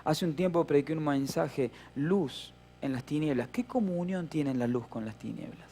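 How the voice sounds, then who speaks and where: High, gravelly-voiced Rioplatense pastor. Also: male voice, normal speed, a little hiss or hum. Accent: Rioplatense Spanish. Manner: storytelling with playful humor, acting out shouts and voices. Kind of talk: sermon.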